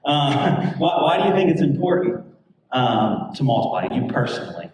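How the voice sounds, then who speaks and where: A man's voice: medium pitch, sing-song, normal speed, darkish tone, slight background noise. A man hosting a church small-group leaders' meeting, talking in a casual, rambling, self-deprecating way. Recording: echoey room from a distant mic.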